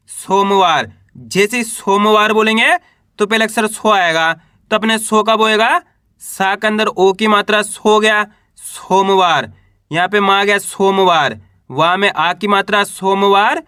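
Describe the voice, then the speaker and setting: Guy teaching hindi reading, high bright voice, asks then answers himself, dry close mic. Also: clear, resonant tone, no echo. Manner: drawls syllables slowly when sounding out letters. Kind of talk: patient step-by-step spelling lesson.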